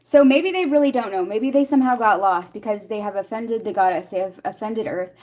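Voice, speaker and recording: A woman's voice: on the high side, brisk, darkish tone. A young woman doing a casual tarot reading and chatting with viewers, laughing often and reacting to their comments. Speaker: tarot reader.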